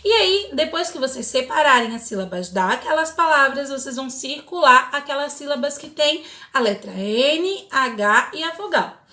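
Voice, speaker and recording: A Brazilian woman teacher with a Brazilian Portuguese accent, patiently explaining a recorded class lesson for children and reading the exercises aloud slowly. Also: sits high, lively intonation, sharp tone. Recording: echoey room.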